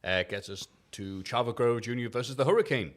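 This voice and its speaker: A man's voice: medium pitch, fast talker. A man co-hosting a wrestling review podcast, reading his written recap in a jokey, casual way, swearing and laughing often.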